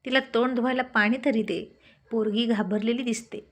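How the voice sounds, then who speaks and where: A woman's voice: a little high, fairly even intonation, normal speed, natural voice. A woman voicing an older village aunt who is practical, kind and given to scolding. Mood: homely.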